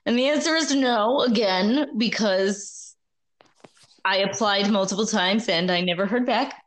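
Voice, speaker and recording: A woman's voice: medium pitch, unhurried. A woman co-hosting a podcast, upbeat and speaking straight to the listeners. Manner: upbeat, addresses listeners directly. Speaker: podcast co-host. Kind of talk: casual podcast chat.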